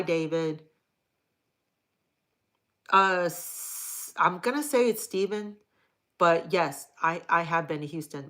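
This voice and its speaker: This is a livestream host from Hawaii with a lowish, slightly bright voice. She reads her viewers' comments out loud and responds in a blunt, crude, laid-back manner.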